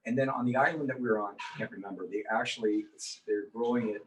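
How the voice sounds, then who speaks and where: A man's voice: lowish voice, fairly even intonation, fast, far from the mic, poor audio. A man hosting a casual interview, rambling loosely with fillers. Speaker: radio talk show host.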